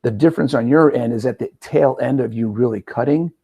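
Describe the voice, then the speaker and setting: A man in his forties hosting a casual interview as a coach, talking in an energetic, conversational way with frequent "right?" asides. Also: medium pitch, brisk, breathy edge. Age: 40s. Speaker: podcast host and metabolic coach.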